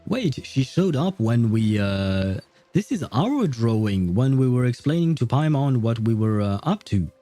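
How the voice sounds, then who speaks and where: Hosting a gaming livestream, a man chats casually and a bit hesitantly with viewers, often rambling. His mid-range voice is mellow and sing-song, at a measured pace, with soft music in the background.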